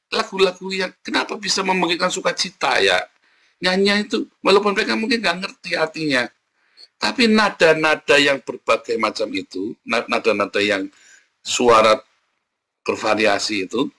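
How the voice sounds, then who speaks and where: A man preaching a lively, animated sermon as pastor, addressing the congregation often and breaking into playful sound effects. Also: a little high. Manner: addresses the audience as "saudara" constantly.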